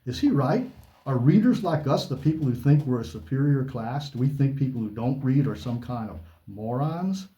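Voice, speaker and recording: A man's voice: medium pitch, animated, moderate pace, mellow, echoey room. A man co-hosting a casual book chat, asking questions in a dry, mock-serious way. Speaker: co-host.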